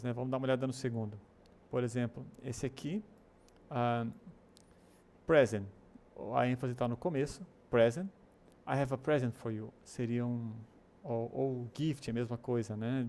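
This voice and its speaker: A man with a Brazilian Portuguese accent talks through an online English lesson at a medium pitch. He explains step by step and keeps checking in with short tag questions. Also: darkish tone. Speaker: English teacher.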